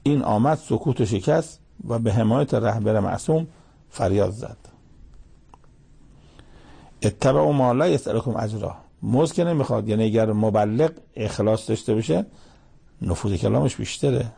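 A man giving a religious commentary lecture in a measured, emphatic way, reciting Arabic verses between his explanations. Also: on the low side, gravelly, warm tone, slightly rough. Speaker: Quran commentator.

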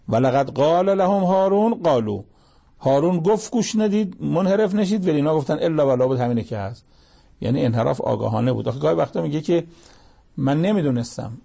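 A man's voice: mid-range voice, vocal fry, mellow, slightly rough. A man preaching a sermon, reciting Arabic scripture and pressing his listeners with pointed rhetorical questions.

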